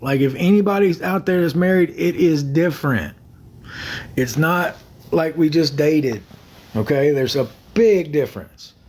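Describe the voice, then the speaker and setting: On a phone livestream, a young male host chats casually, wandering from point to point, saying things twice and calling out viewers by name with thanks. His voice sits fairly high, with a darkish tone and a measured pace.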